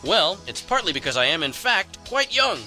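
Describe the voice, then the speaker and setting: A man's voice: high voice, big pitch swings, normal speed, bright, forceful tone, soft background music. A man voicing a mock-earnest, chipper spokesman in a scripted comedy ad.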